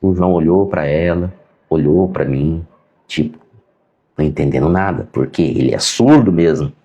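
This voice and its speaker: A man's voice: very deep voice, normal speed, lo-fi sound. A man with a Brazilian accent, a sign language teacher and interpreter, telling stories in a casual lesson and acting out the dialogue. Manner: animated, acts out quoted dialogue. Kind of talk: casual storytelling lesson to viewers.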